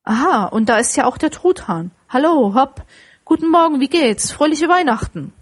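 A woman's voice: a little high, big pitch swings, brisk, husky. A woman reading as an overjoyed old miser. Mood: giddy.

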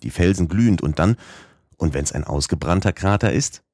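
A man's voice: sits low, lively intonation, normal speed, darkish tone, no echo, studio quality. A man voicing a young nephew in an audiobook who raises hesitant, polite objections. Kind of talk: audiobook character voice.

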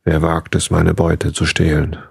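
A man voicing a huge proud dragon that threatens in a slow, booming way. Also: monotone, creaky, breathy edge, dry recording, clean studio sound, full character voice. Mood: menacing. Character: huge proud male dragon, thundering and menacing.

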